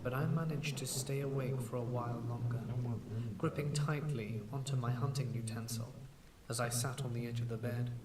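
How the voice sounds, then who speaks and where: A man narrating a scripted horror story in a measured, slow storytelling manner. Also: mid-range voice, steady tone. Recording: echoey room, distant mic, faint hiss.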